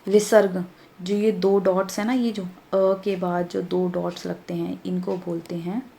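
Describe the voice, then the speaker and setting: A woman's voice: fairly low pitch, little pitch movement, creaky, warm tone, a little hiss or hum. Woman teacher explaining grammar patiently. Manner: explains slowly, repeats points, checks with "ठीक है?". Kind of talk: Hindi grammar lesson for children.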